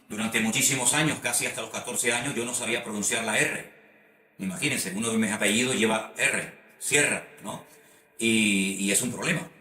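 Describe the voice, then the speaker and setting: Pastor, echoey. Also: male voice, mid-range voice, pushed and bright, recorded from a distance. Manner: repeats phrases, asks rhetorical questions. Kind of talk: sermon teaching on preaching.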